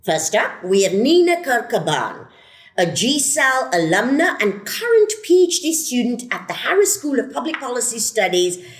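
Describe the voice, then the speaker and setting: A woman's voice: a little high, very animated, moderate pace, reverberant. A woman hosting a university program podcast, reading an enthusiastic introduction and welcoming her guests. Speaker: host, program director.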